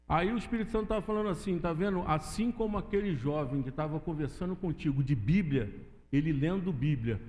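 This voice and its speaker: A man's voice: fairly high pitch, warm tone. A man from Brazil giving a preaching testimony in church, often calling listeners "dear". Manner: addresses listeners as "querido". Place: church sanctuary. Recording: long church-hall reverb.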